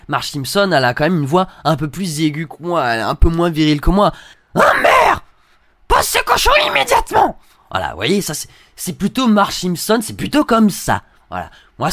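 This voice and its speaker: A man's voice: fairly high pitch, no echo. A young man in a dry, close-miked room reacting to hateful comments with mocking irony. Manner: mocking, ironic, reads comments aloud in put-on voices. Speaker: video creator reacting to comments.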